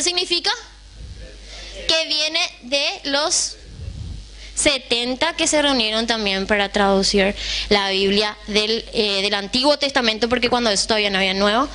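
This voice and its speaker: A woman's voice: fairly high pitch, bright, forceful tone. A woman teaching a Bible lesson to a class, often putting questions to the room and checking that they follow. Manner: keeps asking the class questions, checks in with "right?".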